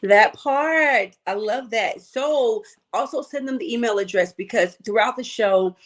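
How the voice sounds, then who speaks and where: A woman's voice: fairly high pitch, a little slow. A middle-aged woman hosting a live podcast as a life coach, upbeat and playful with slang.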